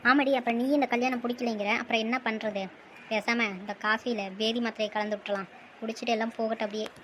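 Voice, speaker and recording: A woman's voice: on the high side, little pitch movement, fast talker, fairly bright tone, slight background noise, lightly acted, rough recording. A woman voicing a cheeky young woman, the bride's friend, in a cartoon, teasing and mischievous. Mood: scheming. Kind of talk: cartoon voice acting.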